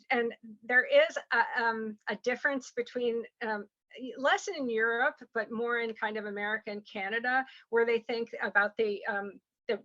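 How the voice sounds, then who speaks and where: Quick, rambling woman on lo-fi call audio. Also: on the high side, fairly bright tone. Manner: fast, rambling explanations with many fillers and restarts. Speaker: surrogacy agency representative. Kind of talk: online information session, explaining and answering questions.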